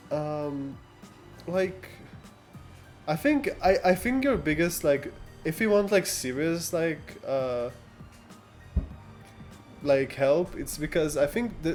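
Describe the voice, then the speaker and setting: Background music plays as a man with a slightly high, somewhat mellow voice livestreams, casually reading out live comments and replying. He rambles and stumbles, restarting often and laughing a lot.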